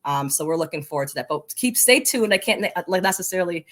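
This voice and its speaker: This woman, a coaches' association leader appearing as an interview guest, talks conversationally and sounds enthusiastic and encouraging. Her pitch is fairly low, her tone fairly bright, and she speaks fast and animatedly.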